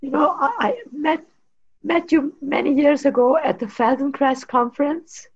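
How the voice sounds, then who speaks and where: A woman's voice: high voice, fairly even intonation, normal speed, creaky, a little mellow. A woman from Hungary chatting as a workshop participant on a video call. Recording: dull lo-fi sound.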